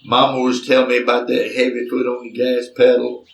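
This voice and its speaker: A man from Chambers County, Alabama, tells a folksy family story in a Southern accent, sprinkling in drawling asides. His mid-range voice is brisk and creaky with a completely flat delivery, recorded in a roomy space far from the mic.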